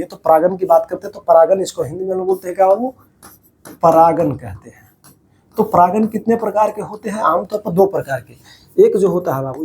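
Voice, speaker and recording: A man's voice: sits high, dark tone. A man teaching a biology class over diagrams, repeating each key term as a question to his students and calling them "babu".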